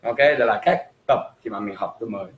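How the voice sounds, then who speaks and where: A man teaching English on a livestream, slowly drawing out words so viewers can repeat the pronunciation. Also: lowish voice, fairly even intonation, slight background noise. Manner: slow, drawn-out words for drilling pronunciation. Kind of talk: livestream language lesson. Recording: echoey room.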